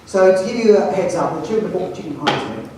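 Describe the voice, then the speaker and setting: London headteacher telling funny stories on stage, far off mic, big echoey hall. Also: male voice, high voice, fast, noisy background. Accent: London English. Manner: jokey storyteller, animated, self-mocking. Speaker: headteacher giving a talk. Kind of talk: anecdotal presentation to an audience. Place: large hall with audience.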